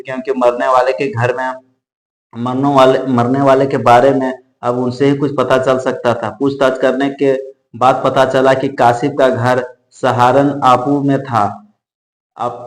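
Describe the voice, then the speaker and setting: Man narrating a true crime story, flat tone. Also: mid-range voice. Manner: unscripted retelling with restarts and self-corrections. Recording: echoey room.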